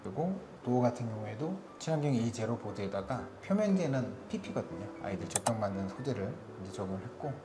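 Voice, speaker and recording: A man who heads an interior design firm, explaining renovation details in a brisk, technical, matter-of-fact way. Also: mid-range voice, big pitch swings, echoey room, very noisy. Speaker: interior design company head.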